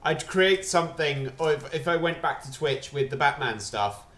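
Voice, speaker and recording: A male streamer talks in a chatty, jokey way on a gaming livestream, his bright voice set slightly high. He takes his time with each line. His desk microphone picks up a roomy echo. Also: animated, normal speed. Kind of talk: casual livestream commentary.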